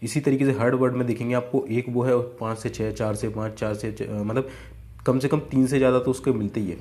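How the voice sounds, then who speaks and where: A man's voice: medium pitch, steady tone, fairly quick, a little mellow. A young adult man teaching exam vocabulary in a casual, conversational way, often checking in with his students. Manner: conversational, repeats 'है ना' and 'ठीक है'. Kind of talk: casual Hindi lesson.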